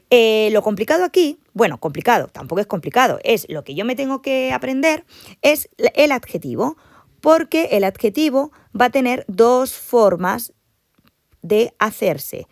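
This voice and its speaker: Lively woman teacher, dry sound. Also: mid-range voice, no echo. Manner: lively, emphatic, repeats key points. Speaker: English teacher. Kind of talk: explaining grammar to students.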